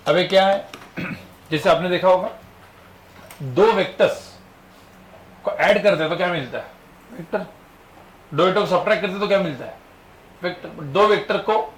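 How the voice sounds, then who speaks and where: A man's voice: a little high, slight background noise. A male physics teacher giving a classroom lecture, firing constant questions at his students. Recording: echoey classroom with faint ambience.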